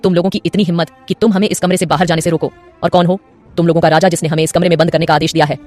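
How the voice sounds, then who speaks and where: A woman voicing a loyal, hot-tempered old male family retainer who scolds and shouts in an audio story. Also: on the low side, fairly even intonation, racing, soft background music, lightly acted. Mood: furious.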